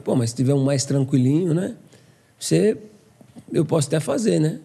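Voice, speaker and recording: A fast-talking man, his voice a little higher than most and quite dark in tone. He tells stories casually as a podcast guest and acts out every line of dialogue. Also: creaky, breathy edge. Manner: animated, acts out quoted dialogue. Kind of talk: casual storytelling.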